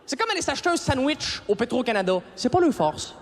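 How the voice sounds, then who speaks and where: A man in his thirties with a Québécois accent doing a stand-up routine on an arena stage, animated and breaking into shouted high bursts. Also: fast. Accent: Québécois French. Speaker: stand-up comedian. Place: large arena stage with audience. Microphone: stage microphone. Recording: live arena recording with crowd laughter and faint noise.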